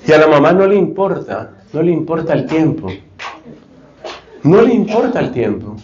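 A male preacher giving a sermon, telling stories lively and acting out short dialogues. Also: fairly high pitch, moderate pace. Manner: lively storytelling, acts out dialogues. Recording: roomy, slightly dull recording.

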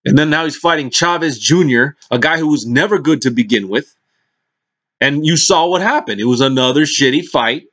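A man's voice: a little high, moderate pace, fairly bright tone. A man vlogging in a brash, mocking, profane rant, swearing constantly and now and then dropping into lazy, mumbled asides.

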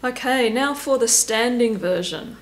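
A woman stretching instructor giving calm, step-by-step cues and counting down holds. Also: fairly high pitch, a little slow, echoey room, a little hiss or hum, low-quality recording. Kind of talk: guided exercise instruction.

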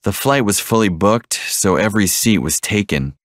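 A man reading one side of a scripted English-lesson dialogue, repeating each line slowly and clearly. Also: lowish voice, lively intonation, no room sound, studio quality.

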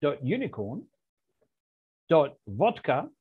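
A man hosting an online quiz social over a video call, casually reading out the answer options with a playful, deadpan humor. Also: fairly high pitch, slow, slightly rough. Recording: tinny phone-like line.

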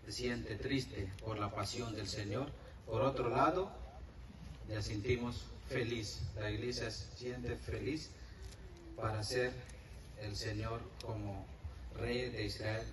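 Echoey distant priest calling chants. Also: male voice, medium pitch. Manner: calls out chant lines loudly for a crowd to repeat. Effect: echoey sound from far off. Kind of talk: leading a Palm Sunday call-and-response. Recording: echoey, distant mic, loud ambient noise. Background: loud ambient noise.

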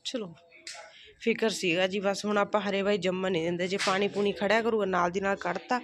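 A woman's voice: medium pitch, steady tone, brisk. A middle-aged woman with a rural Malwai Punjabi accent, chatting casually and homely to viewers in a daily village vlog. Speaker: family vlogger. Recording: faint background noise, home vlog recording.

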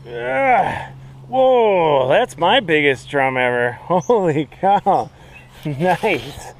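A man in his forties, fishing from an outdoor riverbank, chatting excitedly to the camera and to the fish he catches. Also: a little high, extremely slow, vocal fry, slight background noise. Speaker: fishing vlogger. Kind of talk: casual narration while fishing. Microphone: chest-mounted action camera.

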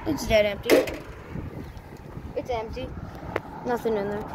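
Unhurried and with fairly even intonation, a high-voiced woman narrates a casual walkthrough of abandoned buildings, outside by a road and then in an empty shop. She repeats herself and keeps voicing astonishment, her handheld phone mic picking up clear outdoor noise.

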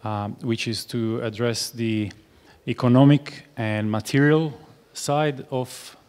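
A forties-aged man leads a panel from a stand-mounted table mic in a big, echoey hall, halting often with fillers and false starts. His mid-range voice is steady, slow, darkish, and clean in tone.

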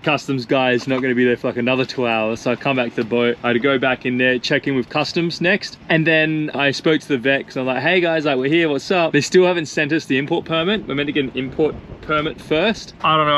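A man's voice: medium pitch, slight background noise. Chatty young man vlogging on a sailboat. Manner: relaxed, chatty, excitable. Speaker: sailing vlogger. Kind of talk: casual vlog talk to camera. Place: outdoors on a sailboat deck. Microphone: handheld action camera at arm's length.

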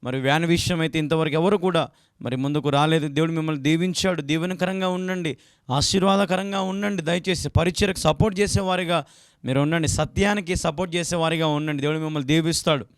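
A man's voice: fairly high pitch, steady tone, quick pace, smooth, no echo, studio quality. A young man from Andhra Pradesh, a pastor giving a televised sermon, pleading earnestly and repeating filler words as he asks viewers for support. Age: young adult. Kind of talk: televised sermon with donation appeal.

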